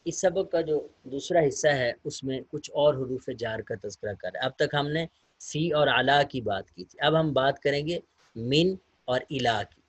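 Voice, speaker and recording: A man's voice: medium pitch, measured pace, husky, dry recording. A male teacher giving a recorded Arabic lesson. He reads short Arabic sentences aloud, then translates and explains each one step by step, patiently addressing his students. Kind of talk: recorded online lecture.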